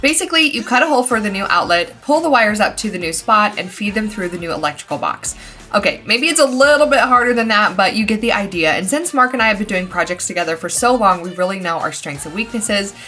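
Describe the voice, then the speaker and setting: A woman hosting a home renovation vlog in casual talk, bubbly and quick to laugh. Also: medium pitch, expressive, pushed and bright, faint music behind.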